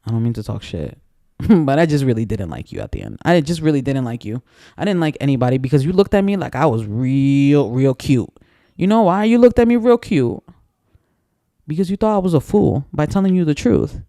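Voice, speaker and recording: Gravelly-voiced man in an angry rant. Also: on the high side, very animated, brisk, mellow, no echo, studio quality. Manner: angry, profane, rambling and repetitive. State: emotionally worked up. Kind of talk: personal rant to camera.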